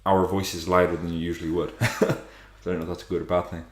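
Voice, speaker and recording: A man co-hosting a casual gaming chat, talking quickly and loosely with some swearing, recorded in a big echoey room. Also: sits low, flat delivery. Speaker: podcast co-host. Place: unfamiliar echoey indoor room. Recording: echoey room, roomy sound.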